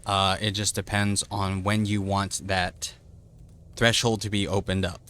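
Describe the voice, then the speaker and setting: Speaking through a noise-gated desktop streaming microphone at home, a man loosely walks through his audio settings, filling his talk with fillers. He has a low, clear, resonant voice that is a bit bright, delivered flatly at a measured pace.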